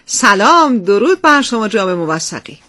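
A woman co-hosting a radio show, introducing the guest in a measured, polite way. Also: medium pitch, sing-song, sharp tone. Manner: measured, courteous presenting. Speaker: radio co-host.

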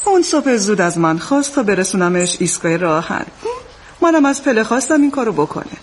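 A woman's voice: mid-range voice, a little hiss or hum, lightly acted. A woman playing a formal older hostess. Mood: composed. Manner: formal, calm and measured. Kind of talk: dubbed film acting.

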